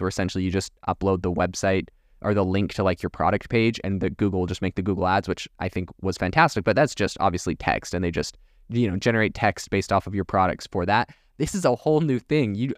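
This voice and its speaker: A man's voice: on the low side, no echo, studio quality. A man hosting a solo podcast, talking casually with many fillers like "like" and "you know". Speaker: podcast host.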